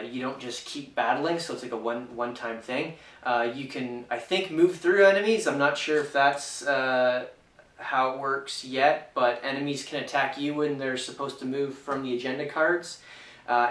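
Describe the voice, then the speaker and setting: A man giving a casual, unscripted board game review, hesitant and full of fillers and restarts. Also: mid-range voice. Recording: echoey room, mic far off.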